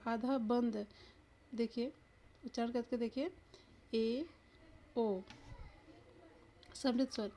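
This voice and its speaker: A woman's voice: on the high side, mellow, slight background noise. A woman teacher giving an exam-prep lesson, asking the viewer questions and sounding out each letter aloud.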